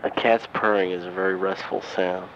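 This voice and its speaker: A man's voice: low voice, little pitch movement, moderate pace. Weary man on a lo-fi dictaphone tape. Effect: dictaphone tape recording, lo-fi. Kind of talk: personal audio diary. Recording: lo-fi tape recorder with background noise.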